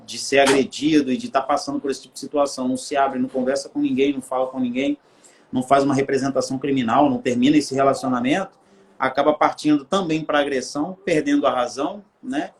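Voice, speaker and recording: A man's voice: mid-range voice, quick pace. A man with a Brazilian Portuguese accent, a guest on a live-stream interview, speaking earnestly and building his points through repeated phrases.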